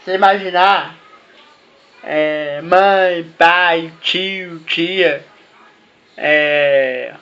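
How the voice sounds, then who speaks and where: High bright-voiced man, repetitive. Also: very slow, long pauses, clear, resonant tone, highs cut off, soft background music. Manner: repetitive, ends phrases with "né?" and "tá?". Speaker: vlogger giving advice to parents. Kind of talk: casual talk to camera.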